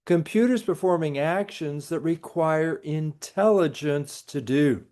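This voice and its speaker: A man's voice: a little high, a little slow, darkish tone. A middle-aged man, a college professor, giving a recorded lecture with dry, sarcastic jokes. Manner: dry jokey asides, sarcastic.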